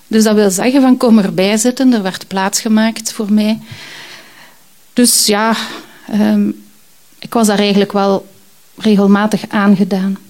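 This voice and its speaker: A woman's voice: mid-range voice, steady tone, unhurried, long pauses, darkish tone. A woman telling a personal story in a reflective, hesitant way, with many fillers.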